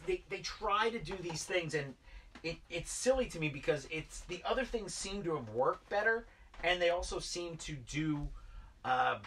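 A fairly high-pitched, fairly bright voice belongs to a toy collector vlogger in his thirties, rambling as he unboxes toys in his basement. He uses plenty of fillers and is clearly thrilled with the toys. The indoor recording has a distant mic and a little hiss or hum.

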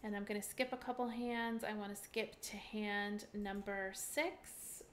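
A middle-aged woman leads a mahjong screen-share tutorial on her webcam, taking viewers through every step with upbeat chatter and frequent ums. Her medium-pitched voice stays fairly even in intonation, and she speaks unhurriedly. There's a bit of background noise.

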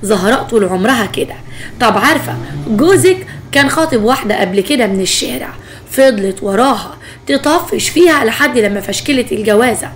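A woman's voice: a little high, lively intonation, fairly quick, a little hiss or hum, natural voice. A woman voicing a chatty, gossipy young neighbor with an Egyptian Arabic accent, in a spoken story.

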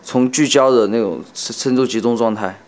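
A man's voice: mid-range voice, fairly quick. A man interpreting live in short phrases, sometimes repeating words as he goes.

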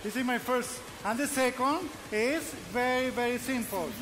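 A man's voice: very high voice, moderate pace, background noise. A man with a Venezuelan Spanish accent, whose first language is Spanish, demonstrating hairstyling live on a trade show stage in simple, repetitive English. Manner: simple broken English, repeats "very easy". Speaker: hair stylist demonstrator. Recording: loud background music over PA.

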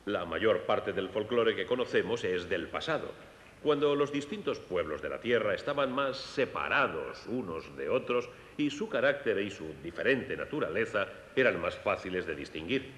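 Speaking at normal speed with lively intonation and a slightly bright tone, this Castilian-accented man presents a children's concert lecture. He dubs the music talk for young listeners, explaining like a teacher and speaking straight to them, in a hall full of long reverb and faint rumble.

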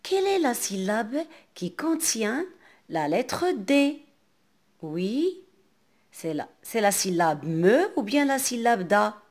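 A woman with a North African French accent, teaching a reading lesson to young children and sounding out words clearly. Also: a little high, very animated, a little mellow. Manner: slow, carefully enunciated, repeating words for children.

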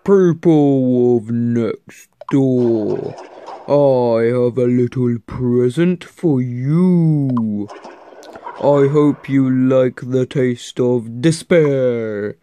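Woman as a game villain, dark lord, slow theatrical menace, deep drop in pitch, gloating, distant sound. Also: a little hiss or hum, exaggerated voice. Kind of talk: reading game dialogue in character.

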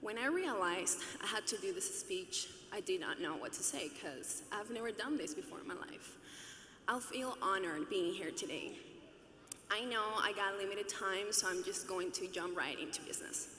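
A woman's voice: medium pitch, normal speed, bright, forceful tone, a little hiss or hum. A woman in her twenties from Venezuela, giving an earnest, conversational graduation speech with light humor at a podium microphone in a large arena. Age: 20s. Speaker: student commencement speaker. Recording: echoey arena with long reverb.

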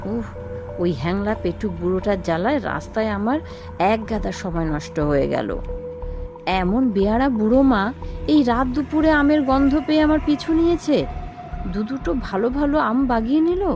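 A woman voicing a short-tempered young village man in a spoken ghost story, complaining loudly and irritably. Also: on the high side, normal speed, over music, pitched above the performer's own voice, close to an everyday voice. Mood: irritated.

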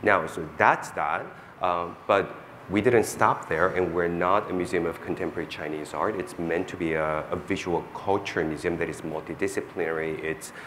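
Male curator type, very deep voice, steady explaining tone, faint background noise. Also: moderate pace. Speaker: museum chief curator on a panel. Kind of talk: panel discussion. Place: stage before an audience.

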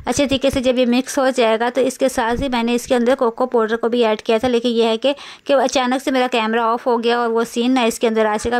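Smooth higher-voiced woman explaining a recipe. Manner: patient, instructive, repeats steps. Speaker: cooking vlogger. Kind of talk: recipe voice-over narration.

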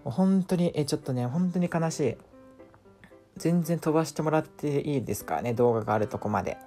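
Whiny, mellow-voiced man. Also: on the high side, a little fast, soft background music. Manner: exasperated, whiny complaining. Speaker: vlogger. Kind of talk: casual voice-over commentary.

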